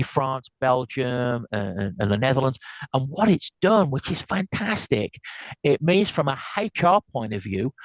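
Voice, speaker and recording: A man with a South African accent, born in South Africa, giving an upbeat business talk and answering questions quickly, with frequent restarts. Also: mid-range voice, no room sound, low-quality recording. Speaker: guest speaker. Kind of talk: business lecture and Q&A.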